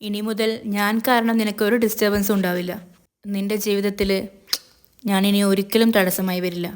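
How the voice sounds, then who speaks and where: A woman's voice: mid-range voice, fairly even intonation, normal speed, clear, resonant tone, natural voice. A woman voicing a young male office boss who talks earnestly and pleadingly to the woman he loves.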